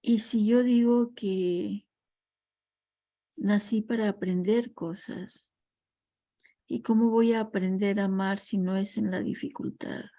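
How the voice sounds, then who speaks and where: In a recorded lecture on family constellations, a woman speaks reflectively and slowly, pausing often, and brings in parables and personal stories. Her voice is warm, mid-range, and steady, captured in a dry recording.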